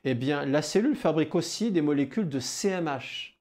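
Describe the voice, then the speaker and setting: A man with a southwestern French accent teaching biology in a lively video lesson, talking straight to the viewer and answering his own questions. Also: fairly high pitch, brisk. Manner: animated, addresses the viewer as "kid", rhetorical questions.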